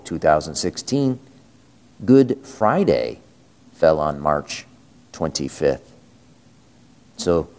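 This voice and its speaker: Male priest, deep pitch, mellow timbre, solemn homily and scripture reading, measured pauses.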